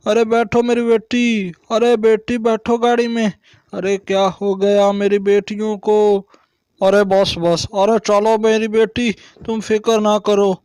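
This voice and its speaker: A man's voice: sits high, a little mellow, clear, resonant tone, dry recording, clean studio sound. A man playing a worried village father in a doll story, exclaiming often.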